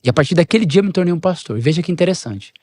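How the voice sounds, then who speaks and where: A man's voice: very fast, no room sound, clean studio sound. A middle-aged man, a pastor, telling a personal story, acting out the dialogue. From Brazil. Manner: animated storyteller, shifts pitch and level, acts out dialogue. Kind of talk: storytelling in a podcast interview.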